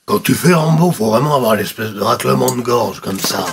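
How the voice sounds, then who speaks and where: A man's voice: medium pitch, animated, brisk, gravelly, background noise. A man in casual chat, explaining how voice impressions are done.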